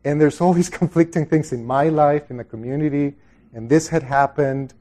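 A middle-aged Buddhist meditation teacher from El Salvador gives an informal dharma talk to a group, conversational and reflective, often drifting into asides. His voice is a little high and mellow, with a steady tone and moderate pace.

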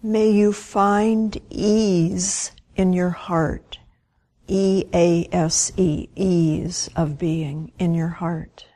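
A low-voiced woman guides a meditation at a very slow pace with a steady tone. As a meditation teacher, she is gentle and unhurried and leaves long pauses between short phrases.

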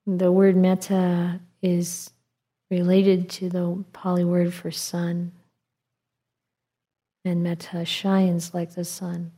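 A woman teaching meditation in a calm, meditative tone. Her voice is soft, a little husky and mellow, and she speaks very slowly, leaving long pauses between short phrases. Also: lowish voice. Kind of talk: guided meditation instruction.

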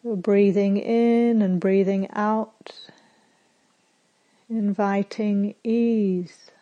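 Over a muffled recording, a female meditation instructor leads listeners through a calm, measured guided session, with pauses and gently trailing phrases. Her voice is mid-range and steady in tone.

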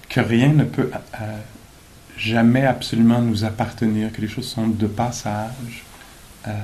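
A man giving a dharma talk at a meditation retreat, thoughtful and gently joking, pausing often with fillers. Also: on the low side, a little hiss or hum, poor audio. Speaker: meditation teacher.

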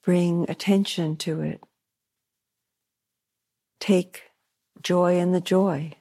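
Her voice fairly low and her tone steady, a meditation teacher speaks softly as she guides a session at a retreat center. Long pauses and gently repeated phrases shape her delivery.

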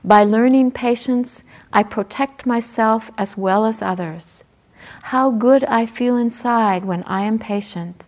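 Storybook part: a woman playing a calm old buffalo, male, soft and measured, higher voice.

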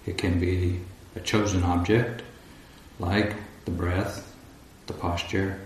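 This is guided meditation instruction from a teacher with a low voice. He talks slowly and with care, in brief phrases and long pauses, inside a large indoor space at a retreat. Echo fills the room, with a little noise in the background.

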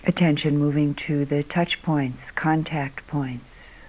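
Guiding listeners through a meditation, a woman teacher speaks in a low-pitched voice with brief, calm phrases and long silences between them. She takes her time, and her words trail off softly and breathily.

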